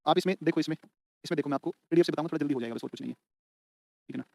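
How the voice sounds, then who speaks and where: A man with a fairly high, gravelly yet slightly mellow voice speaks very fast in a colloquial exam-prep lecture, calling students beta and bhai and repeating points repeatedly so they can note them. The recording is dry and studio-clean.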